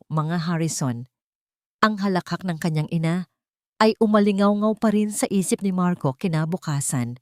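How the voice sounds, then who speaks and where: A woman with a lowish voice and darkish tone narrates a scripted dramatic story. The recording is dry and of studio quality.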